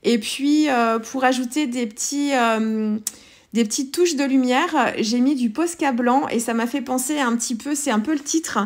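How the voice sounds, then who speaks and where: A woman's voice: high voice, moderate pace. A woman with a French accent talks through her art journaling page in a casual tutorial voice-over, hesitant and full of fillers and restarts.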